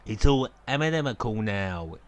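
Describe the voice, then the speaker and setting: A man's voice: on the low side, expressive, unhurried. A man giving casual live football commentary from an outdoor stadium on a cold evening, chatty and opinionated and laughing at his own jokes.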